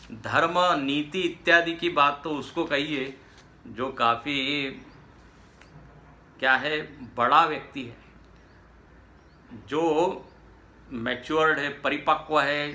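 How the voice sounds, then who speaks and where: A man's voice: fairly high pitch, pushed and bright. A man giving a spiritual discourse, telling a scripture story and acting out its dialogue, with asides to his listeners and English words mixed in. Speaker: spiritual teacher.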